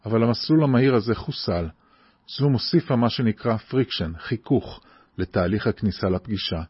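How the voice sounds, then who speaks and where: A man with a lowish, husky voice hosts a podcast, asking and explaining in an informative style. The sound is very dry and slightly muffled. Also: no echo. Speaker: podcast host. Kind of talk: interview questions and scripted explanatory narration.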